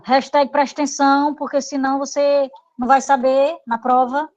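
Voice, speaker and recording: A woman's voice: high voice, flat delivery, normal speed, darkish tone, lo-fi sound, slight background noise. A woman with a Brazilian Portuguese accent teaching an online grammar review, explaining patiently with repeated examples and checking in with her students.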